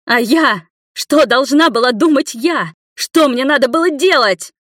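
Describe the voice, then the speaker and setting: A woman voicing a hurt young woman, shouting high and accusing at her former lover in an audiobook. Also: normal speed, no echo, clean studio sound, lightly acted. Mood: furious.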